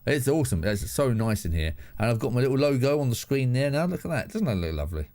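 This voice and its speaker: A middle-aged man from southern England hosts a casual live stream from his home studio, rambling, laughing and restarting often. His medium-pitched voice has a darkish tone, and he talks fast and with great animation.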